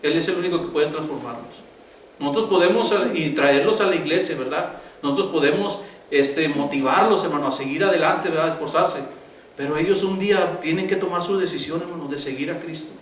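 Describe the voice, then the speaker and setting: Speaking fairly quickly in a fairly high voice, a middle-aged pastor gives a chatty sermon, repeatedly calling his audience brother and checking with "right?". It was recorded from a distance in an echoey church sanctuary with faint background hiss.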